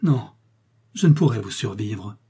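A man voicing a devoted, grieving young native woman, speaking slowly. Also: lowish voice, animated, dark tone, husky, full character voice. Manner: slow, sobbing delivery.

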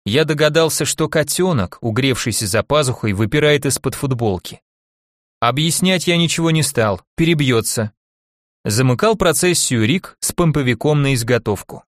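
A male audiobook narrator telling the story in the first person at an even pace. His voice sits at an ordinary pitch, and the recording is dry and close. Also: normal speed, no echo.

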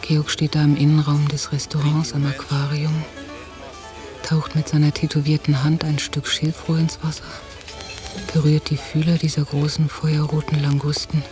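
Playing a watchful, jealous, anxious woman on holiday, young to middle-aged, an actress speaks quietly and introspectively in a measured, low, monotone voice close to everyday speech, her mood brooding and inward. The piece is a 1990 German radio drama of intimate interior monologue and dialogue, sourced from cassette with background music.

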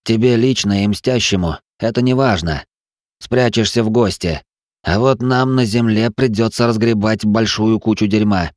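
A man's voice: on the low side, moderate pace, no room sound, clean studio sound, pitched above the performer's own voice, close to an everyday voice. A man doing an icy, ruthless possessed man. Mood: cold. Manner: icy, curt and scornful.

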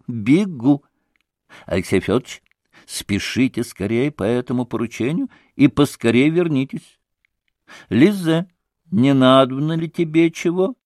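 A man voicing an excitable middle-aged society lady who talks effusively and breathlessly. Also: medium pitch, no room sound, studio quality. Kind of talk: audiobook character voice.

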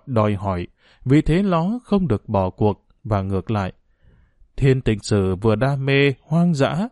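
A man reading a novel aloud as an audiobook, with a lively, swinging pitch at a middling height. His storytelling is expressive, and faint music plays beneath the voice. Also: no echo, studio quality. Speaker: narrator.

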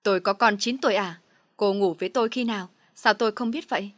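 Woman reading as an icy young rich man, curt, commanding, firm and loud, dry sound. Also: mid-range voice, quick pace, dry recording, natural voice. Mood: cold.

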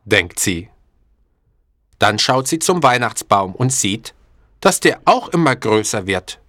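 A male narrator reading a story at a slow, careful pace, with a lively, expressive pitch. The recording is dry and close to the mic. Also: no echo. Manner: clear, deliberate, expressive.

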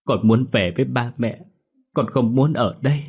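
Guy doing a weeping young ghost, begging, husky and a bit higher. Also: moderate pace, a little mellow. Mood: tearful pleading. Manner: tearful, pleading. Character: grieving young male ghost, sobbing and pleading.

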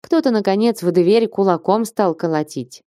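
A woman narrating a classic novel as an expressive audiobook reader. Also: mid-range voice, moderate pace, dry recording, studio quality. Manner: expressive storytelling.

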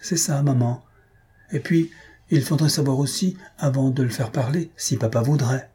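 A husky-voiced man reading aloud, voicing an eager, impulsive young woman in a storybook. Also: medium pitch, normal speed, warm tone, pitched above the performer's own voice. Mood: hopeful.

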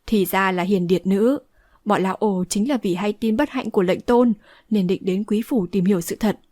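A woman's voice: mid-range voice, moderate pace, a little mellow, no room sound, close to an everyday voice. A woman reading an elderly male martial hero, speaking in a formal, courteous way, in a dry studio recording. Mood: grave.

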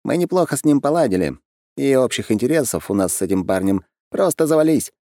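A man's voice: medium pitch, sing-song, quick pace, warm tone, dry recording, studio quality, voice pushed up. A man voicing a smug, cagey young man. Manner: boastful, secretive.

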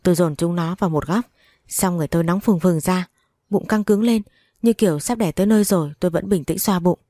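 A woman's voice: lowish voice, brisk, mellow, no echo, clean studio sound. A woman narrating a dramatic first-person story.

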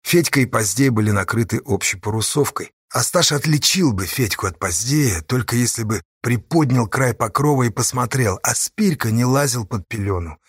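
Male audiobook narrator, husky, dry close sound, measured reading. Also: mid-range voice, animated, no room sound. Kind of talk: scripted narration.

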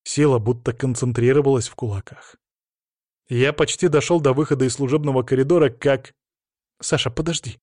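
A man narrating a story in the first person in a steady, measured way. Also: mid-range voice, dry recording, clean studio sound.

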